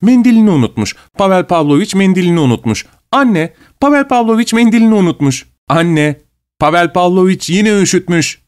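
A man voicing excited teenage sisters who tease and shout in a shrill, singsong way. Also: measured pace. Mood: teasing.

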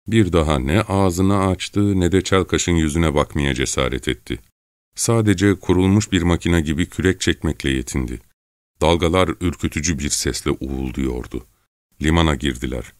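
A man with a deep, low voice narrates an audiobook story in a measured, dramatic way. The recording is dry and close, with no room echo.

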